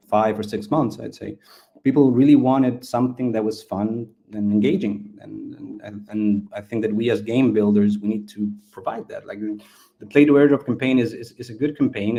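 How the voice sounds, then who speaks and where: This interview guest is a Chilean game studio founder who speaks Spanish. His voice is on the low side and mellow, and his casual explanations are full of repeated words.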